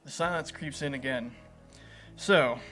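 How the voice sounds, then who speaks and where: A man's voice: mid-range voice, a little slow, a bit bright, faint music behind. A man reading a visual novel game aloud as a gaming host, playful and chuckling at the story.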